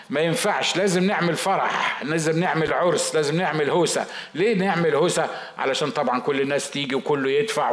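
A man's voice: a little high, a bit bright, reverberant. A man with an Egyptian Arabic accent preaching a sermon as pastor, talking conversationally and acting out the objections of his listeners.

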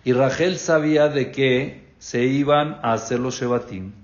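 A man's voice: medium pitch, unhurried. A man, a rabbi teaching an interactive Torah class, who questions his students and acts out the figures' words. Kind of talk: interactive religious lesson. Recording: dull lo-fi recording.

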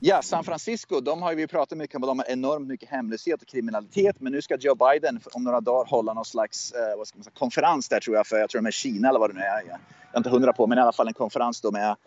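A man's voice: medium pitch, a little mellow, dry recording, highs cut off. A man in casual political chat, speaking as a US correspondent, often hesitant, repeating and restarting his words. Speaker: USA correspondent. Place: southwestern USA.

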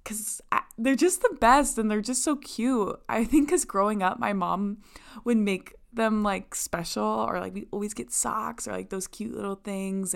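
A young woman hosts her podcast solo, bubbly and chatty, full of casual fillers as she talks. Her voice comes through smooth and clear. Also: medium pitch, a bit bright. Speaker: podcast host.

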